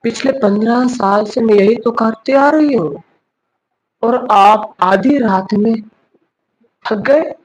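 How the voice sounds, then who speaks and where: A man's voice: high-pitched, slow pace, pauses often, dull audio. A man teaching, telling a moral story in an earnest way with rhetorical questions. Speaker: English teacher giving a moral talk.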